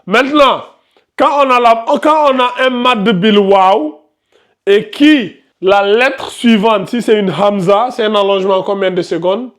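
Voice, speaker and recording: Brief: high-pitched male teacher in a classroom, quizzes students, repeats terms. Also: unhurried, a bit bright. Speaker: Quran recitation teacher. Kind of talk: live classroom tajwid lesson.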